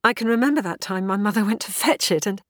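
A woman's voice: medium pitch, quick pace, fairly bright tone, dry recording, clean studio sound, voice pushed up, close to an everyday voice. A woman voicing a young female cadet, wry and guarded, who speaks in a clipped, formal way over a radio link. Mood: wistful.

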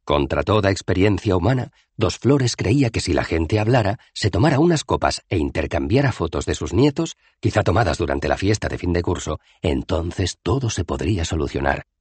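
A man with a husky voice narrating an audiobook in a measured, expressive reading. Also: low voice, no echo. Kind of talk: scripted narration.

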